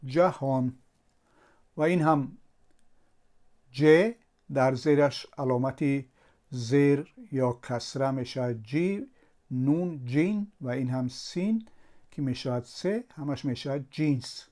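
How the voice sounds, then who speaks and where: A man teaches a slow spelling lesson. He sounds out letters one at a time, patient and methodical, building each syllable step by step and repeating the same patterns. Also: mid-range voice, darkish tone.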